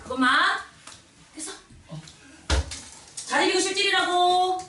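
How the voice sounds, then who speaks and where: A woman teaching a middle school Korean class in a classroom, animated and sing-song, with quick asides to her students. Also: very high voice. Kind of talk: classroom lecture. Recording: echoey classroom from far off, faint noise.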